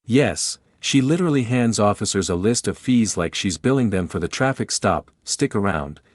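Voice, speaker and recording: A man's voice: fairly low pitch, lively intonation, normal speed, no room sound, studio quality. A man reading scripted video commentary in a mocking, sarcastic manner. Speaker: narrator.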